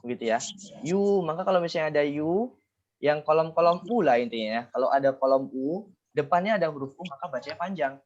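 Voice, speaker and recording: A man's voice: on the high side, expressive, fast, a little mellow, lo-fi sound. A man teaching a Japanese class online, explaining step by step and often correcting himself.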